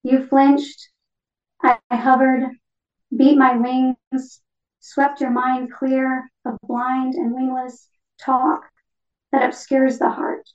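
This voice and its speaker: A woman reading a poem in the voice of an extinct parakeet spirit, with a measured, lyrical delivery over a distant, echoey, lo-fi online call. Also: sits high, completely flat delivery. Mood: tender. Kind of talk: poetry reading.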